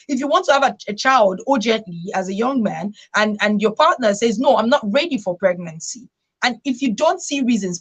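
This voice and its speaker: A woman hosts a radio discussion in a slightly high, husky voice. She speaks emphatically, repeating phrases to hammer her points home and checking in with "right?" as she goes.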